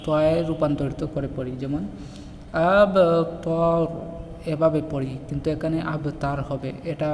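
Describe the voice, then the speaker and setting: A man teaching Quran recitation, explaining pronunciation and slowly chanting the verses in a drawn-out melodic style. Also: fairly high pitch, level tone, dark tone, a little hiss or hum. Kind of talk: explaining recitation mistakes in Bengali. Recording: long reverb and faint music.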